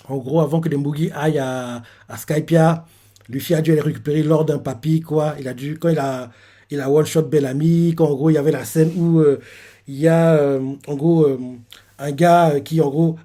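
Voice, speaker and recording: A man's voice: a little high, fairly even intonation, moderate pace, dark tone. A man hosting a manga reaction channel, retelling scenes in a rambling, casual way. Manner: rambling, full of fillers and restarts.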